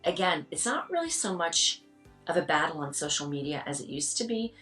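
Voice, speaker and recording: Woman, middle-aged, guest mother, candid storytelling, lower voice, roomy echo. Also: fairly quick, soft background music. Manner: animated, acts out quotes with rising pitch.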